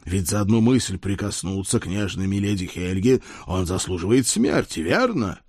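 A man's voice: low voice, animated, moderate pace, darkish tone, slightly rough, no room sound, full character voice. A man voicing a loyal, bloodthirsty old crusader servant who speaks respectfully and dryly to his lord. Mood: earnest. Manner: respectful, dry, addresses master as sire.

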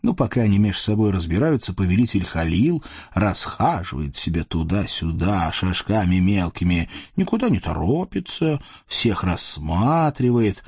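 Husky man telling a lively folk tale. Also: on the low side, dry recording, studio quality. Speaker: narrator.

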